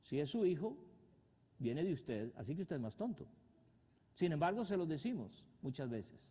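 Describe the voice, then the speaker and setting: A male pastor delivers a sermon with a fairly high voice and very lively pitch. He fires rhetorical questions at his listeners, rising loudly and then dropping low. His voice rings out with long reverb through a church hall. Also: normal speed, husky. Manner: animated preaching with sudden loud rises and soft drops.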